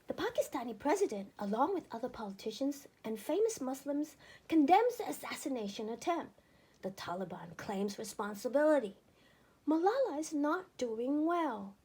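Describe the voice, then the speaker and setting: A woman narrates a children's book with a fairly high, husky voice. Her storytelling is expressive and deliberate, and her phrasing is emphatic.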